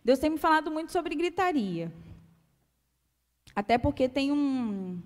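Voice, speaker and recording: Calm high-voiced woman preaching in a hall. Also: a little slow. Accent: Brazilian Portuguese. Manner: calm, soft-spoken. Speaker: church speaker. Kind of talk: testimony sermon. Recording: long hall reverb.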